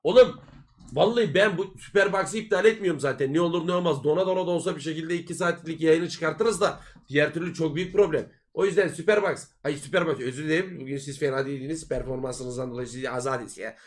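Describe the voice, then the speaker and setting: A man live streaming, chattering nonstop to his viewers in expressive, complaining, swear-filled slang. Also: a little high, fast. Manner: foul-mouthed, slangy. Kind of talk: casual livestream chat with viewers.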